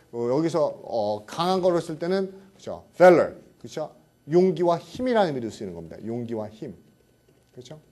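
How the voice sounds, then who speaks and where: A man's voice: mid-range voice, warm tone. A middle-aged man giving a vocabulary lecture, repeating words and often checking in with his students. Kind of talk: classroom lecture.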